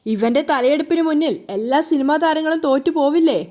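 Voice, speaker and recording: A woman's voice: high-pitched, fairly quick, a little mellow, lightly acted. A woman voicing a scheming young woman who hides her scorn. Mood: scornful.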